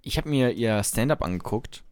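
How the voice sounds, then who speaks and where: A man's voice: medium pitch, expressive, normal speed, darkish tone, no room sound, clean studio sound. A man co-hosting a casual podcast chat, wry and teasing, who drops English phrases into his talk. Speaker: podcast co-host.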